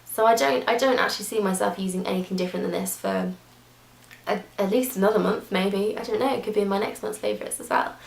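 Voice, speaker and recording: A young woman beauty vlogger chats casually while reviewing a product, gushing and full of fillers and restarts. She talks fast in a mid-range voice with vocal fry, recorded in an echoey room.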